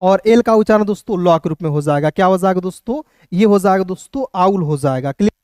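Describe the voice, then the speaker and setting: A man teaching English spelling rules, spelling out letters slowly and often asking viewers whether it is clear. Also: high voice, animated, a little mellow, no room sound, studio quality. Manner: repeats questions to viewers, checks "clear?" often; slow, spelled-out letter drilling. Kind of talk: classroom-style spelling lesson. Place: hot room with a fan running.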